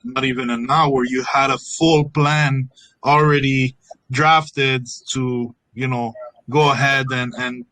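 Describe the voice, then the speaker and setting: A man's voice: mid-range voice, steady tone, slow pace, pushed and bright, dry recording, poor audio. A man from Morocco, hosting an online AMA with enthusiasm, repeating words and joking. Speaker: AMA host.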